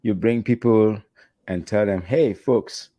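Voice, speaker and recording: A middle-aged man hosting an interview over a video call from a hotel room, asking questions in an animated, playful way with rising emphasis. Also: fairly low pitch, slow, dry recording, muffled recording. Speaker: host. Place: hotel room while traveling. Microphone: headset with video call, red foam mic.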